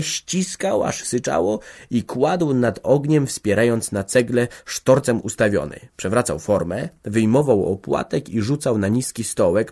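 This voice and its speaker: A man narrating a classic novel as an audiobook in a calm, measured way. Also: on the low side. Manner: calm, measured, unhurried reading.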